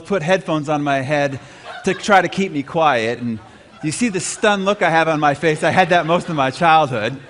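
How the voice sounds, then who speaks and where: A middle-aged man addresses a live audience from a stage. He tells stories in a punchy, animated way and turns hard memories into jokes. His voice sits at an ordinary pitch for a man. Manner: animated storytelling, punchy and self-deprecating humor. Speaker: motivational speaker. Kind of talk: live seminar talk.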